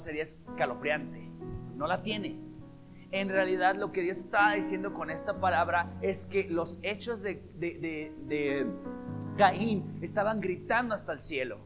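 Man, high-pitched, preaching with guitar music behind, emphatic. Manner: emphatic, acts out dialogues, swings between loud and hushed. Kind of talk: sermon. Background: soft guitar music.

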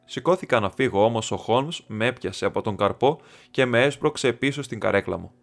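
A man narrating a classic detective story as an audiobook reader, in a steady reading voice. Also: mid-range voice, vocal fry, faint music behind.

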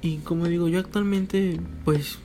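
A man's voice: fairly high pitch, fairly even intonation, moderate pace, music in the background. A young man with a Mexican Spanish accent, talking casually in a joking monologue with quoted voices. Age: young adult.

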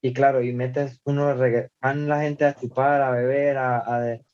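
A man, a guest singer, chatting casually on a podcast and telling stories about himself in a relaxed, self-deprecating way. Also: mid-range voice, normal speed, highs cut off.

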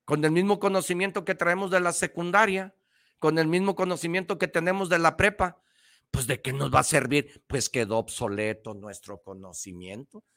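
A man's voice: fairly high pitch, moderate pace, a bit bright. A middle-aged man with a Mexican accent giving a slangy, emphatic motivational talk on the radio, repeating his points. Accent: Mexican Spanish.

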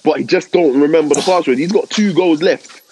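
A man's voice: fairly high pitch, brisk, husky. A young man with a London roadman accent, chatting casually in slang as he tells stories among friends. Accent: London, urban roadman slang. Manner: slangy, animated storytelling. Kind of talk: casual group banter.

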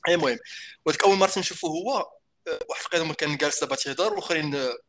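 Very fast, bright Moroccan man. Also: on the high side. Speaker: podcast co-host. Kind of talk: casual chat. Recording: faint background noise.

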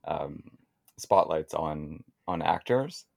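Deep-voiced male podcast guest. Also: lively intonation, slow, vocal fry, no room sound, clean studio sound. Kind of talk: casual podcast chat.

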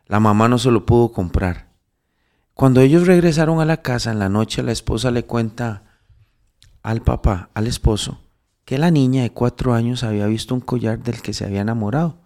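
A man's voice: medium pitch, a little mellow. A man telling a moral story in casual preaching talk, with many restarts, who builds to emphatic, raised preaching. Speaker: devout storyteller giving spiritual counsel.

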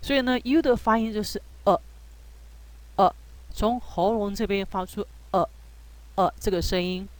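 A woman teaching English phonics in a relaxed, patient way, with many drawn-out fillers and reassuring asides. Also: mid-range voice, no room sound. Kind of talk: relaxed spoken lesson.

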